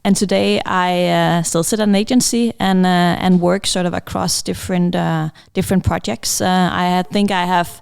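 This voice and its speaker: Thirtysomething woman on a podcast panel, smooth voice, kinda hesitant and chatty. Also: on the low side, fairly even intonation, moderate pace, hardly any pauses. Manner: thoughtful, many fillers and restarts. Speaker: panel guest, brand strategist. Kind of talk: conversational podcast answer.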